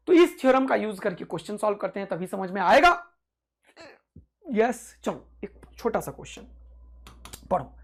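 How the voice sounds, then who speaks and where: Energetic male teacher with a gravelly voice. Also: high voice. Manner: energetic, rousing, repeats key points. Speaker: physics teacher. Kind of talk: exam-prep lecture.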